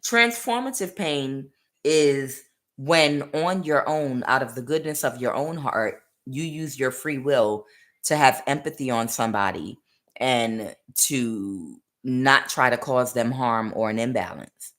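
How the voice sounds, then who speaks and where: Tarot reader, woman, extremely low pitch, meandering delivery with many fillers. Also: takes it slowly, a bit bright. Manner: rambling, many "uh" fillers, acts out quoted voices. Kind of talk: spiritual tarot reading monologue.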